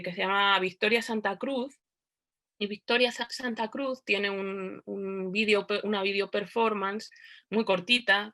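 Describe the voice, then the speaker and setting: Una mujer da una conferencia por videollamada y habla sin prisa, pensando en voz alta. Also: female voice, mid-range voice, bright, forceful tone. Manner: unhurried, thinking aloud. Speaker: guest lecturer. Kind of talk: online lecture. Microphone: video call.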